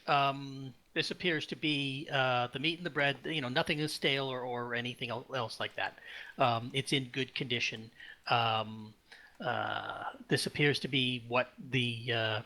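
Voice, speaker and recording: A man's voice: medium pitch, normal speed. A man running a tabletop game as game master, talking loosely and stopping often with fillers and restarts. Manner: relaxed, hesitant with many fillers and restarts.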